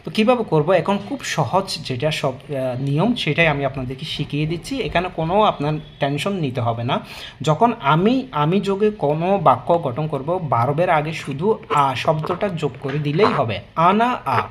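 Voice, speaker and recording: A man's voice: fairly high pitch, lively intonation, normal speed, slight background noise. A man teaching an online language lesson, explaining patiently with fillers and restarts and often checking in with listeners. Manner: explanatory, repeats words, many fillers and restarts.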